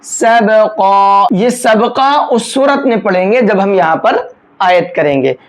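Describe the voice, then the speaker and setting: Speaking at medium pitch, a patient teacher takes a tajweed lesson rule by rule, explaining calmly and plainly before stretching each word into slow chanting and then going back to regular instruction.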